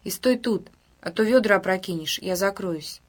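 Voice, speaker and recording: A woman voicing a lonely young village woman of twenty-three, speaking softly and coaxingly. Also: medium pitch, moderate pace, slightly rough, lightly acted. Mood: tender. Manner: soft, hushed and coaxing.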